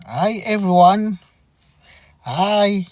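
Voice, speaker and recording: A man hosting a live stream, speaking in an earnest, halting way and often repeating himself. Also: sits high, expressive, dry recording, studio quality. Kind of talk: unscripted live commentary.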